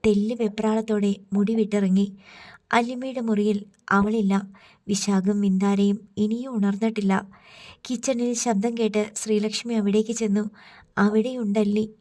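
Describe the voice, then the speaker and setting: A woman narrating a story audiobook in a steady, measured reading. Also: mid-range voice.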